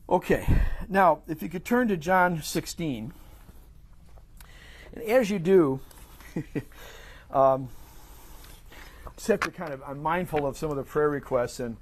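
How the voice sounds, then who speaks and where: A man teaching a Bible study class, talking off the cuff with many restarts and fillers. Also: mid-range voice.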